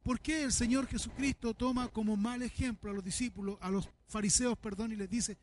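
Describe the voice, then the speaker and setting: A man's voice: very high-pitched, fairly even intonation, a little fast, a little hiss or hum. A man preaching a sermon, earnest and full of rhetorical questions. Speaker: pastor.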